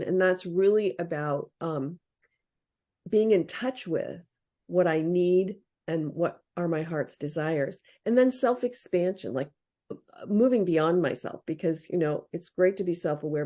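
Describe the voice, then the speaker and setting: A woman's voice: lowish voice, unhurried, warm tone. A woman in an interview, explaining relationship advice in a practical, reflective way and acting out example phrases. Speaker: interview guest discussing relationship books. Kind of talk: casual explanatory interview talk.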